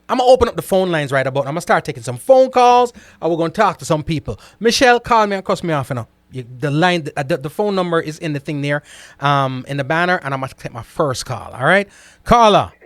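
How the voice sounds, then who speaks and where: A man's voice: on the high side, no echo. A Jamaican man hosting a radio call-in show, talking emphatically and repeating phrases for effect. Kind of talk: casual radio talk.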